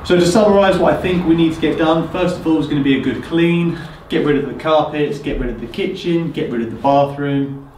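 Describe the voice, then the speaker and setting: A man's voice: on the high side, a little fast, few pauses, darkish tone, a little hiss or hum. A man in his thirties from the UK, casually walking through an empty house he is renovating and thinking aloud with lots of ums. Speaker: property renovator. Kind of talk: casual walkthrough vlog. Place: empty house, bare indoor rooms. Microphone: camera mic at a distance. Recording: echoey empty rooms, slightly distant mic.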